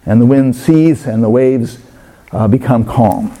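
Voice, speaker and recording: A man preaching a sermon as a pastor, telling stories in a conversational way with many pauses. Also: medium pitch, dark tone.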